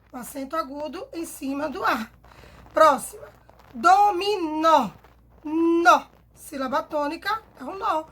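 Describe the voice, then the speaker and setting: A woman teacher with a Brazilian Portuguese accent, explaining grammar slowly and clearly to children, checking in with them often. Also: sits high, a bit bright. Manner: patient, slow and clear, ends phrases with "tá?". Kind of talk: recorded grammar lesson for children.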